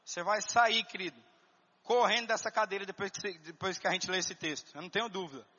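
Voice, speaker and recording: A Brazilian man preaching a sermon as pastor, moving between calm scripture reading and loud, fervent exhortation, and acting out talks with church members. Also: extremely high pitch, long reverb tail, dull audio. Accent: Brazilian Portuguese. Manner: acts out dialogue with congregants.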